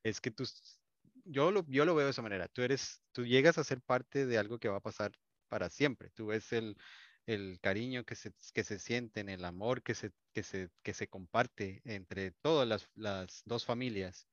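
Colombian man, low voice, videographer guest, chatty storyteller, dry muffled sound. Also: normal speed, no room sound. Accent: Colombian Spanish. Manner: warm storytelling, many restarts. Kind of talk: casual interview chat.

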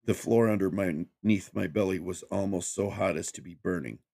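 A man narrating a horror story with a measured, grim, dramatic delivery. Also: deep voice, creaky, darkish tone.

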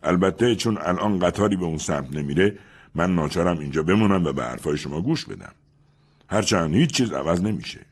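A man's voice: deep voice, slightly rough. A man voicing a wronged rich man in an audiobook, stern and accusing. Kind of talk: audiobook character reading.

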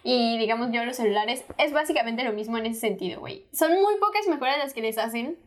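A woman's voice: a little high, brisk. A young Mexican woman co-hosting a casual podcast chat, telling stories with lots of slang and teasing. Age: young adult. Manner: lively storyteller, slangy and teasing. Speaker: podcast co-host.

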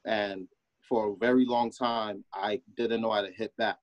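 A man's voice: lowish voice, fairly even intonation, a little slow, no echo, muffled recording. A man hosting a podcast in an informal, conversational way, repeating phrases for emphasis. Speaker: podcast host.

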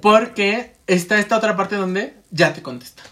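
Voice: medium pitch, normal speed, sharp tone. A speaker in a casual chat, rambling and acting out their own inner monologue. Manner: rambling, acts out inner monologue, laughs often.

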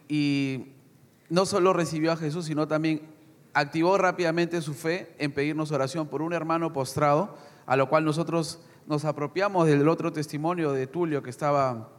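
A man who went on a mission trip, sharing a testimony and exhorting the congregation, lively with some hesitations. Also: fairly high pitch, fairly quick. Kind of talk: church testimony and short reflection. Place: church hall. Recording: long hall reverb.

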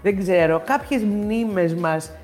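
A woman's voice: medium pitch, lively intonation, a little mellow, in a large hall, soft background music. A woman actress as an interview guest, telling stories animatedly with many hesitations. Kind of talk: casual interview storytelling.

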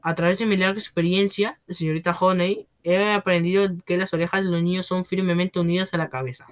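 A bullying headmistress from a read-aloud storybook, roaring and scornful, put on by the reader. The pitch sits in a plain middle range. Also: little pitch movement, a little fast, smooth, natural voice. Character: bullying, tyrannical headmistress, woman.

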